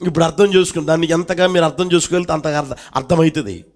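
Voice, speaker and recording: A man preaching a sermon to a congregation, putting questions to them and swinging between shouted emphasis and low asides. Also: very fast. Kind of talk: Telugu church sermon.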